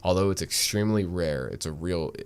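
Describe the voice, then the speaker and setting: A man's voice: deep voice, brisk, clear, resonant tone. A man co-hosting a podcast in loose, casual chat, swearing and laughing often. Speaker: podcast co-host.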